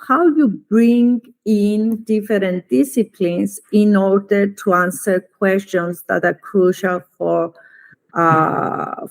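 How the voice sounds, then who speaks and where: A middle-aged economics professor from Cyprus, a native Greek speaker with a Greek Cypriot accent, appears as an interview guest. She speaks at a medium pitch, giving formal, deliberate academic answers with frequent pauses.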